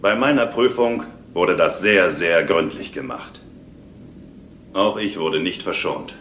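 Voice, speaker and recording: An actor playing a stern, proud Klingon warrior lieutenant in a dubbed science fiction drama, speaking gravely in measured, formal words. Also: male voice, sits low, fairly bright tone, roomy sound, slight background noise, exaggerated voice. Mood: grave, stoic.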